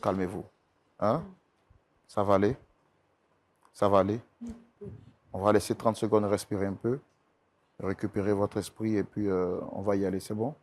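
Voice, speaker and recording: A man hosting a talk show as mediator, firmly and gently calming a distressed guest with repeated requests. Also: fairly low pitch, moderate pace, pauses often. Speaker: mediator host.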